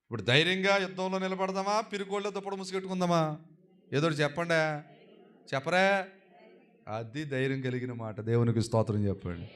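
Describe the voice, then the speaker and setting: A man pastor preaching a sermon, calling out to the congregation for answers and repeating key phrases. He drops to quiet low asides and then rises to loud, high-pitched proclamation, at times mimicking people's prayers. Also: a little fast, long pauses. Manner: exhorting, calls for replies from the congregation.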